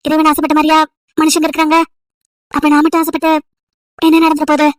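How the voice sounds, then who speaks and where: A woman storyteller who voices all the parts here plays a sad, devoted young wife pleading earnestly and tenderly. Her voice is high and her delivery completely flat and fast, with no echo at all.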